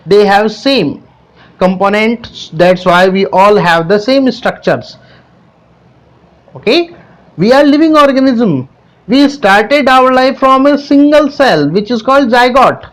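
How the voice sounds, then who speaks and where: A man with an Indian accent teaching a science lesson online, asking each point back as a question and repeating it. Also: high-pitched. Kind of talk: online class lecture.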